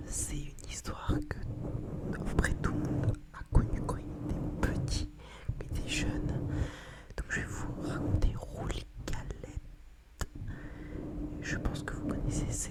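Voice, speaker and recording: Very slow whispered ASMR storyteller. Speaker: narrator. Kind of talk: whispered ASMR storytelling, reading a children's tale.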